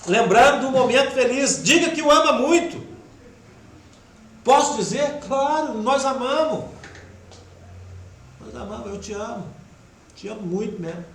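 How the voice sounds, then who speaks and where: A man giving a devotional spiritist talk with a Brazilian Portuguese accent, emotional, swinging between loud urging and soft, hushed passages. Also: extremely high pitch, animated, measured pace, long pauses. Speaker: spiritist lecturer. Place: spiritist center hall. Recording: echoey hall with faint background noise.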